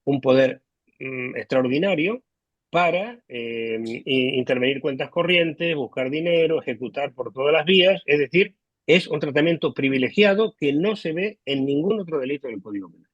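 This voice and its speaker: A man on a video call explaining tax law in a measured way, hesitating often with "eh", over low quality stream audio. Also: lively intonation, dry recording. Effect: low quality stream audio, connection dropping. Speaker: legal expert guest. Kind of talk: explaining law in a remote interview. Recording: dull lo-fi online call audio.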